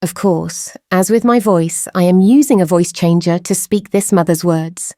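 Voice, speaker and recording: A woman hosting a true crime channel, speaking through a voice changer in measured, earnest scripted commentary. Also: fairly low pitch, warm tone, dry recording, studio quality.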